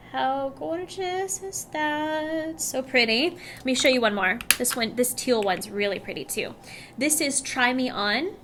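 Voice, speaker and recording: Female beauty vlogger, thirties, high bright voice, chatty and giggly, faint room ambience. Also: a little hiss or hum. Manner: bubbly, chatty, laughs often. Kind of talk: casual product review.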